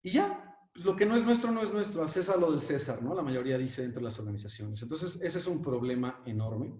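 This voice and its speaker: A man with a Mexican accent giving a conference talk and telling a fable. He talks in an animated way, repeating words and using many fillers. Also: fairly high pitch, brisk. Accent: Mexican Spanish. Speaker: conference speaker. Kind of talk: lecture with storytelling. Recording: echoey room, mic at a distance.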